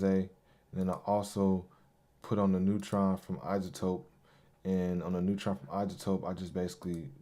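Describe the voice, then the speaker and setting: A man producer casually walking through how he built a beat, laid-back and hyping along with ad-libs. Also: low-pitched. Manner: laid-back, hypes along to his beats with yo and hey ad-libs. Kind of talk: casual beat breakdown tutorial. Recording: beat music playing loudly behind.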